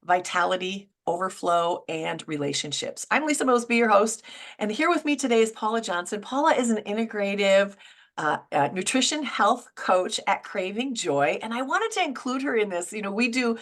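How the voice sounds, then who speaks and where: A woman's voice: medium pitch, animated, normal speed, a bit bright. A middle-aged woman hosting a casual faith and wellness talk show, chatty, with frequent fillers and restarts. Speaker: podcast host.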